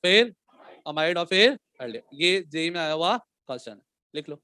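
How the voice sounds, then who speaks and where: A man lectures a chemistry class in a crisp, resonant voice. He pitches it high and keeps firing questions at the students. The sound is dry and close. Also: no room sound. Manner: lively, calls out questions to students and dictates slowly. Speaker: chemistry teacher.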